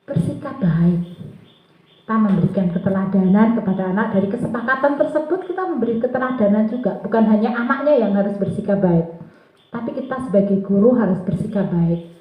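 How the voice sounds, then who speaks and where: A woman who teaches kindergarten gives an informal presentation to fellow teachers in a warm, coaxing way, pausing often on filler sounds. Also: medium pitch. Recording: tinny and echoey.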